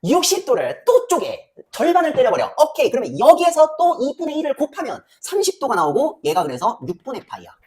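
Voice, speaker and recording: A woman teaching a math class, talking students through the steps with quick questions and muttering as she works out the numbers. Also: sits high. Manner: lively, banmal with quick questions to students, muttering while calculating. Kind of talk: classroom lecture.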